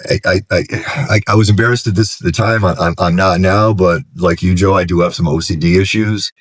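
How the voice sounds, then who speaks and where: Deep-voiced man telling his story frankly. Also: fairly quick. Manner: earnest and frank, frequent restarts, grows animated when retelling scenes. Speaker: recovery director, podcast guest. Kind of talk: candid personal storytelling in conversation.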